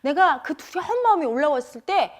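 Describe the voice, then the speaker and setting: This is a middle-aged woman teaching meditation, her voice high-pitched and brisk, giving a spiritual talk on the mind. She acts out inner voices and speaks to her audience directly, in an animated way.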